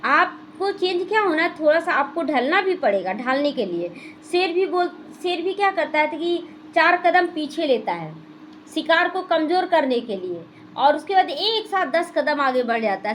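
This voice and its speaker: High-voiced woman teaching a spiritual class. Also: a bit bright, a little hiss or hum. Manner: explanatory, asks the class questions and answers them. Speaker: Brahma Kumaris class teacher. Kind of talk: Hindi spiritual class explaining the day's murli. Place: small gita pathshala classroom.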